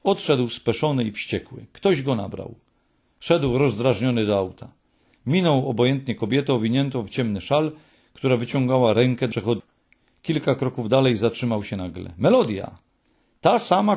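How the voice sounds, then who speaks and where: A man narrating a story aloud with an expressive, animated reading. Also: medium pitch, creaky, breathy edge.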